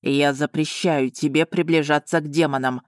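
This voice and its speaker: A proud male dragon, as a woman reader puts him on, deep for her register and slow, measuring out each clipped word with cold authority. The recording is dry, close and bare of room sound, as in a storybook audiobook. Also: steady tone, no echo, lightly acted. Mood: commanding. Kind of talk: audiobook narration.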